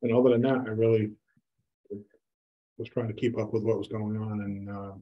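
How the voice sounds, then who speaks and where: A resident speaking at a committee meeting's public comment, plain and slightly unsure. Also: male voice, fairly low pitch, little pitch movement, normal speed, dull audio.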